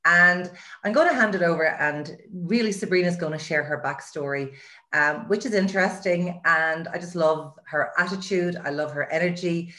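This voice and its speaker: Low-pitched Irish woman hosting an interview. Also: normal speed, pushed and bright. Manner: effusive, encouraging. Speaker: show host, mindset coach.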